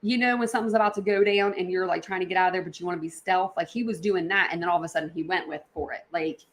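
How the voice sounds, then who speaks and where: A woman hosts a casual livestream, reacting to videos, rambling and repeating herself as she addresses her viewers directly. Her fairly low voice keeps a steady tone and moves very fast.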